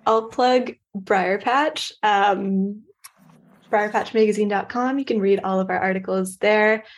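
A woman speaking as a panelist on a podcast. Her voice is mid-pitched with a husky grain. She chats casually and jokes wryly. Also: steady tone, measured pace. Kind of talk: casual chat.

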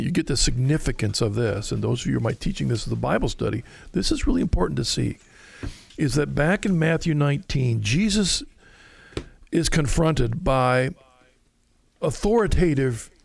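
A man's voice: mid-range voice, vocal fry, dry recording. A man co-hosting a conversational Bible study, explaining a passage verse by verse and reading scripture aloud. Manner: explanatory, reads scripture aloud, stumbles over words at times. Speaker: Bible teacher co-host.

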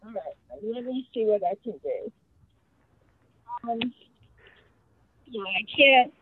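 A woman's voice: a little high, expressive. Sick woman, phone held away. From Georgia, US. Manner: weary, halting, trailing off. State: sick with fever and chills. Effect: phone held away, voice faint and distant. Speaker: meeting participant. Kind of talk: casual check-in on a conference call. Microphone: phone on a call, held away from her. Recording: tinny phone line, faint and far from the mic.

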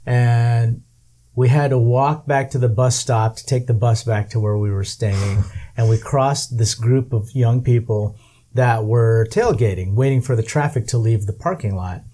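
Mellow, laid-back host who laughs often. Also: male voice, mid-range voice, unhurried. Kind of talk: casual chat.

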